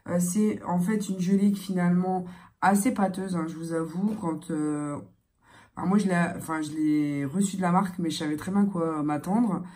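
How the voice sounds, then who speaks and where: A young woman chatting casually in a beauty vlog, halting and hesitant, her voice thick, congested and strained from tonsillitis and a sore throat. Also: on the low side, steady tone, warm tone. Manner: hesitant, halting, searching for words. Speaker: beauty vlogger.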